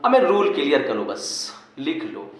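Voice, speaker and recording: A man teaching English pronunciation rules in a lesson, repeating each rule slowly and asking often whether the class understands. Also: on the high side, huge pitch swings, crowd noise. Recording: very echoey room.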